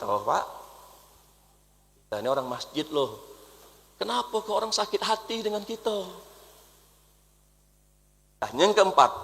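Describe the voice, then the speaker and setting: A young man preaching a lively sermon in a mosque, repeating his phrases for emphasis. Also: high-pitched. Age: young adult. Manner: lively preaching, repeating phrases, mimicking voices in quoted dialogue. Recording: reverberant mosque hall.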